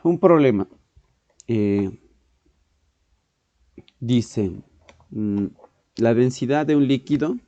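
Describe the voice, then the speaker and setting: A man teaching a physics class, often clearing his throat, correcting himself and checking in with "ok". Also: mid-range voice, lively intonation, extremely slow, pauses often, dark tone, dry recording, muffled recording. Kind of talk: online exam-prep physics lesson.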